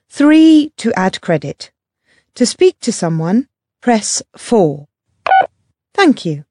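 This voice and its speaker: A woman voicing a polite automated phone menu for a helpline, with measured, clearly enunciated scripted prompts. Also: medium pitch, darkish tone, no room sound, clean studio sound.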